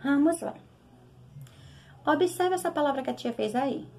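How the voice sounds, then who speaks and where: A young Brazilian woman teaching a recorded lesson to small children, drawing out syllables in a slow sing-song way. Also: high-pitched, expressive, mellow, slight background noise. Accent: Brazilian Portuguese. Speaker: primary school teacher.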